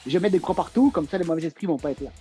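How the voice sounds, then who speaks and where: Fast-talking joking guest. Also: male voice, a little high, warm tone, faint music behind. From Canada. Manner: quick joking banter with a few stutters. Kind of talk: casual game chat.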